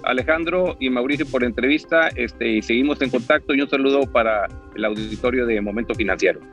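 A man's voice: medium pitch, fast, fairly bright tone, faint music behind. A man speaking plainly as a guest, joining the interview remotely.

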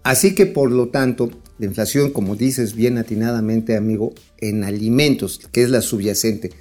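A man's voice: medium pitch, steady tone, moderate pace, mellow, soft background music. A man with a Mexican accent giving casual, profane financial commentary as co-host, joking and swearing freely. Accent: Mexican Spanish. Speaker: co-host of a financial talk show.

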